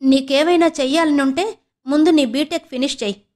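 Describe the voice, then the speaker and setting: A woman voicing a calm, firm middle-aged aunt giving encouraging but strict advice. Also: sits high, a little fast, pitched above the performer's own voice, natural voice.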